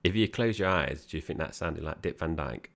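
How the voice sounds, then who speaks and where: A man's voice: extremely low pitch, lively intonation, fairly quick, creaky. A man co-hosting a podcast, chatting casually about a film and addressing his co-host directly. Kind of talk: casual film review chat.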